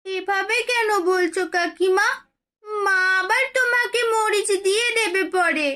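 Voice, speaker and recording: A woman's voice: very high-pitched, unhurried, pushed and bright, full character voice. A woman voicing an earnest, childlike young girl in a cartoon. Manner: pleading, childlike.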